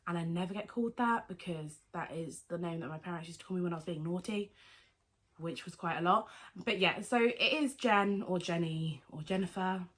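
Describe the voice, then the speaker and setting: A woman's voice: on the low side, fairly bright tone. A woman, answering viewer questions in a chatty, rambling vlog with lots of fillers and self-corrections. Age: 20s. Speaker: vlogger. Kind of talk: casual Q&A vlog.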